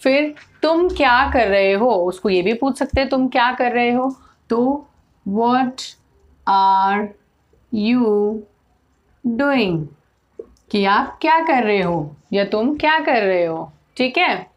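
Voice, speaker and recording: Teacher, young woman, unhurried delivery, spells out English phrases one word at a time for kids. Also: a little high, lively intonation. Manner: slow, explains each phrase word by word. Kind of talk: spoken English lesson for children.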